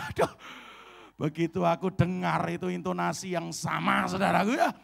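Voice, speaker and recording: Animated gravelly man preaching a sermon. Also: fairly high pitch. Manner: animated storytelling, many "saudara, ya" asides, acts out quoted dialogue. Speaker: pastor. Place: church function hall.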